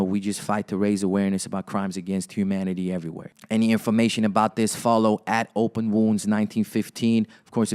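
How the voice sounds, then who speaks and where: A man's voice: fairly low pitch, darkish tone, clear, resonant tone. A young man with a laid-back manner, talking casually in an interview as a rapper, using hip-hop slang and repeating words as he thinks. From Los Angeles area, Armenian heritage.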